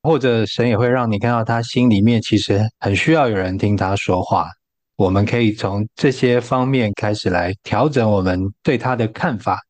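A man with a low voice offers gentle counsel on a faith talk show. He speaks calmly and evenly. The recording is dry. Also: normal speed, no room sound.

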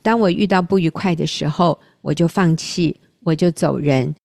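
Earnest woman radio host, low voice. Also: normal speed, gravelly, a little mellow, no echo, studio quality. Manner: earnest, reflective, self-deprecating. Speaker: radio talk show host.

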